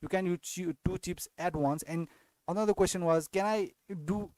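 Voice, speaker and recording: Hosting a casual fantasy football Q&A on a live stream, a young Nepali channel host talks at normal speed in a high, slightly mellow voice with no echo. He keeps restarting sentences and adds tag questions often.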